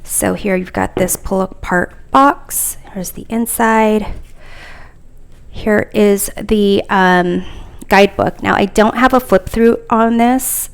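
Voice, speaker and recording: A woman's voice: mid-range voice, smooth. A woman reviewing tarot decks in a casual chat, talking hesitantly and thinking aloud with frequent fillers.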